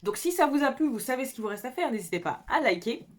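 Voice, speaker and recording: A woman's voice: high-pitched, very animated, quick pace. A woman beauty vlogger talking casually and enthusiastically to her viewers while she does her makeup. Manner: chatty, enthusiastic, addresses viewers directly. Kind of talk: casual makeup tutorial chat.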